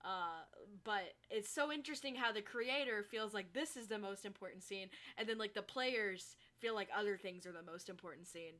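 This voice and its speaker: A woman's voice: medium pitch, normal speed, few pauses, bright, forceful tone. A woman hosting a let's play, chatting emotionally about the game with lots of fillers. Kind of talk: casual gameplay commentary.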